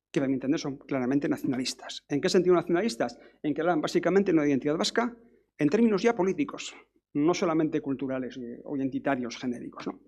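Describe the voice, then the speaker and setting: Gravelly-voiced man giving a lecture. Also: on the high side, a little mellow. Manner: discursive, many restarts and tag questions. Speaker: academic speaker. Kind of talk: conference lecture.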